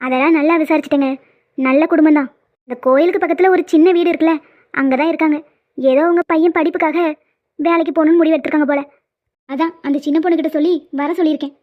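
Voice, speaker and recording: A woman's voice: sits high, fairly even intonation. A woman voicing a strict well-off mother who scolds her daughter in a cartoon. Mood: stern. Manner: scolding, brisk, stern. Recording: dull lo-fi sound.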